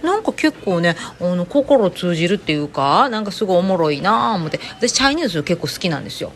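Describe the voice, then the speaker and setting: A woman's voice: fairly low pitch, big pitch swings, quick pace, a crowd in the background. A woman with a Kansai accent chatting casually to her viewers in a rambling, joking way, with many fillers. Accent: Kansai Japanese. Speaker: vlogger. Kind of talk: casual chat to camera.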